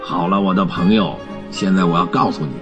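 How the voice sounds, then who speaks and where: A man voicing a gruff old male miser turned kindly boss in a storybook reading, with a low, husky growl. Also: a little fast, highs cut off, over music, natural voice. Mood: warm. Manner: low growling, then warm and generous.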